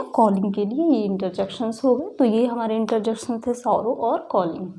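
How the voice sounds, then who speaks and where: A woman's voice: on the high side, mellow. A woman with an Indian accent teaching a grammar lesson, explaining each example and asking and answering her own questions.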